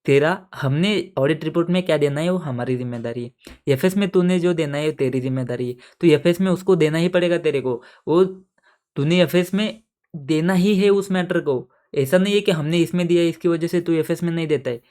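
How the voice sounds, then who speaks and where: A man teaching audit in a casual, playful lecture, chatting with students and slowly repeating key terms. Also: fairly high pitch, a little mellow. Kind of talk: casual Hindi-English lecture.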